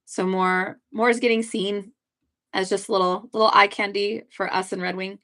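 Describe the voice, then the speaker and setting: A woman's voice: mid-range voice, fairly even intonation, normal speed, bright, forceful tone. A young woman, a webcomic artist, chatting casually and giddily on a livestream while she draws. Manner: bubbly, giddy, chatty.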